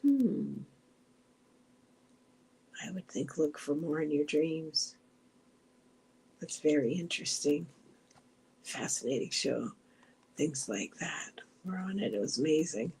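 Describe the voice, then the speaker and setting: A woman's voice: low voice, lively intonation, slow, pauses often, slight background noise. A middle-aged woman hosting a meditation group livestream, chatting casually and wandering between thoughts. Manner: chatty, meandering, with frequent restarts and soft asides. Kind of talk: casual chat, reading viewer comments aloud.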